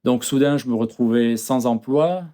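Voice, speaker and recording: A man from France in his thirties chats as an interview guest in a dark, mellow voice. He talks hesitantly, full of fillers and restarts. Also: mid-range voice, normal speed. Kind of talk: casual interview chat.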